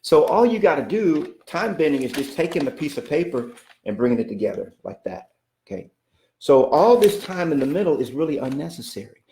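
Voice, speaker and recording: A man's voice: a little high, big pitch swings, brisk, creaky, warm tone, roomy sound, slight background noise. A man giving a motivational coaching talk, emphatic and repetitive, often checking in with "okay?" and speaking of God in a preacherly way. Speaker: real estate coach.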